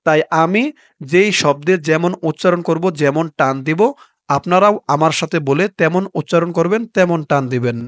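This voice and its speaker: A man with a fairly high, smooth, clear voice teaches recitation slowly and patiently, spelling out each sound. He chants the recited words long and drawn out. The voice is recorded close and dry, with no room sound. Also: fairly bright tone, no echo. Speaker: religious teacher. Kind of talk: step-by-step recitation lesson.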